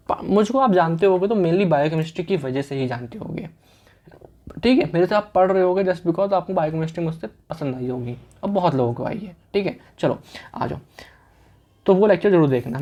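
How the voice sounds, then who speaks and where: A man giving an online medical lecture in a casual, fast way, asking questions and answering them himself and repeating key words. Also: a little high, a little mellow. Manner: casual, fast-talking teacher.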